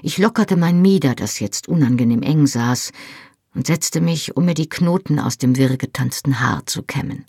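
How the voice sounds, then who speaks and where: Measured first-person audiobook narration, husky voice with some gravel. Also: medium pitch, a little mellow, dry recording, clean studio sound. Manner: measured, storytelling. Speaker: audiobook reader.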